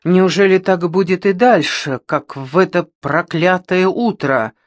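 A woman's voice: lowish voice, a little slow, no room sound, pitched above the performer's own voice, lightly acted. A woman voicing a spoiled young bride who wails and pleads, reading an audiobook. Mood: wailing. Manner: wailing, pleading. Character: spoiled whiny young bride, pampered daughter.

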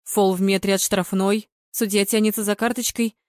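A woman voicing a male football commentator giving measured play-by-play. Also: medium pitch, level tone, darkish tone, dry recording, clean studio sound, natural voice. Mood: reporting.

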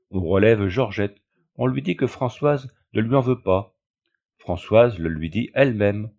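A man reading a classic tale aloud as an audiobook narrator, measured and expressive, on a dull lo-fi recording. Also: lowish voice.

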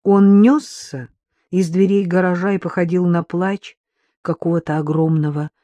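A narrator gives a measured, expressive audiobook reading. The voice is dark and mellow, and the recording is dry and close, with no room sound. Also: medium pitch, no echo.

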